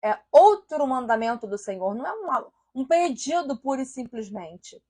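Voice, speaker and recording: Woman preacher, high husky voice, earnest exhortation. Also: very animated, normal speed. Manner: earnest, slips into softly spoken sample prayers. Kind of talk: sermon-style video exhortation.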